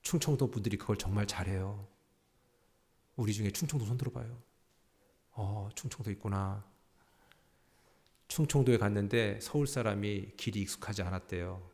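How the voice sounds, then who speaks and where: A man preaching a sermon as senior pastor, animated and joking, often quizzing the congregation. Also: fairly low pitch, moderate pace, pauses often.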